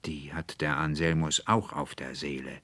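A man's voice: very deep voice, little pitch movement, normal speed, vocal fry, a bit bright, dry recording, heavily acted. A man voicing an irritable, pompous older male schoolmaster who grumbles indignantly. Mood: grumbling.

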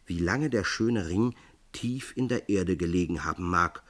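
Chatty eager farm maid from an old storybook, man doing the voice, lively talker. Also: low voice, unhurried. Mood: musing.

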